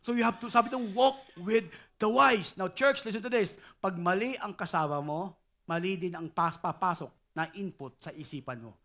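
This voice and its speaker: A middle-aged man preaching a sermon as pastor, animated and repeatedly asking the congregation if they follow. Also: high voice, a little fast.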